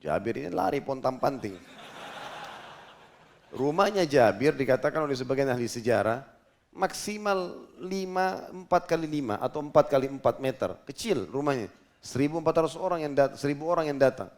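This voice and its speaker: Brief: middle-aged male preacher, mid-pitched, animated sermon storytelling. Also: normal speed. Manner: lively, acts out voices, swings loud and soft. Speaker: Islamic preacher.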